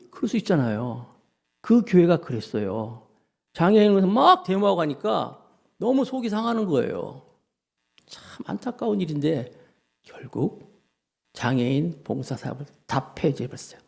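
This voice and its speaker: A male pastor giving a lively sermon, acting out grumbling voices and asking his congregation questions. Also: high-pitched, gravelly.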